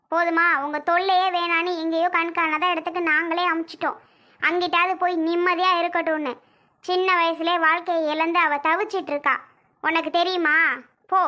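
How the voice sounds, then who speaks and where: A woman playing a fierce, quarrelsome middle-aged mother-in-law who accuses and demands answers. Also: pushed and bright. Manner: shrill, accusing.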